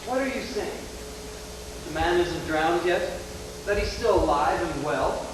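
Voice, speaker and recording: A teen boy playing an exasperated gentleman. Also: fairly high pitch, expressive, unhurried. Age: teens. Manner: incredulous, exasperated retorts. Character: indignant male gentleman passerby, exasperated. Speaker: student actor. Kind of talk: 1980s high school stage play. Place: school auditorium stage. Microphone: distant camcorder mic. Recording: echoey auditorium, far from camera, audible hiss.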